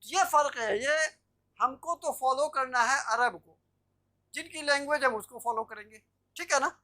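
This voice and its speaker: A woman with a high voice teaches grammar to students on a video call. She explains patiently, step by step, and keeps asking whether they follow. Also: moderate pace, pushed and bright. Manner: explanatory, checks understanding with "theek hai na". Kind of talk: online class lecture.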